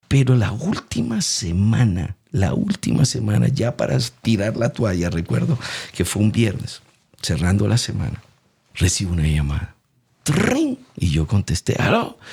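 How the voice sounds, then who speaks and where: A young Colombian man giving an emotional faith testimony as an interview guest, storytelling with lively acted-out quotes. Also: on the low side, creaky, slightly rough. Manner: animated storyteller acting out quoted voices.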